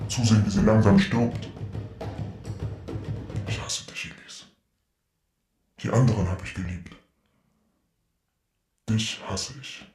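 A man plays a cold killer murmuring his confession in a low, steady voice. The sound is roomy and echoing, with faint music underneath. His calm menace runs through every line of the radio play. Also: measured pace, pauses often, natural voice. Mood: hateful. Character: cold, brooding male child-killer. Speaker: killer heard on a cassette tape. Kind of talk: German radio play acting.

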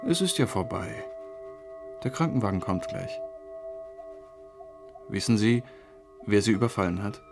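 An actor playing a calm, reassuring police commissioner in a German radio play, speaking in a soothing, concerned way. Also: male voice, fairly low pitch, a little slow, vocal fry, pauses often, music in the background.

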